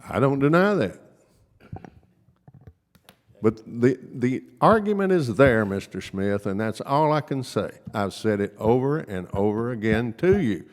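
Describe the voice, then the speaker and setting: A man's voice: medium pitch, lively intonation, a little slow. A man speaking as a county official at a public meeting, firm, emphatic and legalistic, repeating his points. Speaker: county official, attorney for the court. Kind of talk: formal remarks at a public meeting. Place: large public meeting room. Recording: echoey meeting hall.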